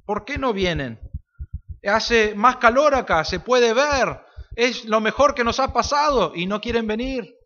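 Earnest cave woman in a sermon story, a male preacher voicing her, high bright voice, hall echo. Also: lively intonation, measured pace, full character voice. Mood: earnest pleading. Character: hopeful woman from the cave, pleading. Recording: reverberant hall, dull lo-fi sound.

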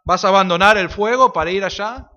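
Calm stranger figure in a sermon story, voiced by a male preacher, bright tense tone, long hall reverb. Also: high voice, fairly quick. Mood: calm inviting. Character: kind mysterious stranger man bringing fire. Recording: reverberant hall, dull lo-fi sound.

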